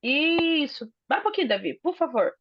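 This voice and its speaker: A woman's voice: high voice, very animated, moderate pace, no echo. A woman teacher giving an online class by video call from her phone. She explains patiently and often tags her points with a question. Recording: dull lo-fi phone audio, dry.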